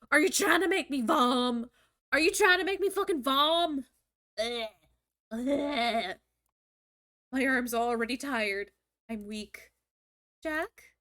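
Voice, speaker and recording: High-voiced, foul-mouthed streamer woman. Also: takes it slowly, long pauses, bright, forceful tone, no room sound, studio quality. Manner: crude, joking asides mixed with narration. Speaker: VTuber streamer. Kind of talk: live-streamed visual novel reading with commentary.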